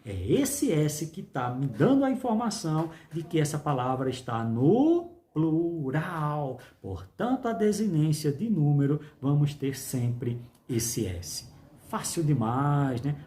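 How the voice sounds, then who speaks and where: Lively teacher, man. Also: on the high side, slow. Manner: upbeat, coaxing, quizzes with rhetorical questions. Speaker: Portuguese teacher. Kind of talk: online grammar lesson.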